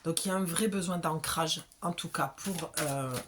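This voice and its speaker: A woman with a southern French accent talks the viewer through an oracle card reading. Her voice sits a little low, and her manner is loose, familiar and conversational. She often pauses to check in with the listener. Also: background noise. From south of France. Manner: chatty and familiar, with frequent check-ins.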